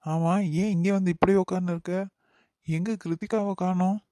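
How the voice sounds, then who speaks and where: Cartoon friend, young man, indignant scolder, voiced by a man; mellow, dry, Kanyakumari Tamil accent. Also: high-pitched, steady tone, normal speed, dry recording, lightly acted. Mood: scolding. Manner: scolding and questioning. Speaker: cartoon character.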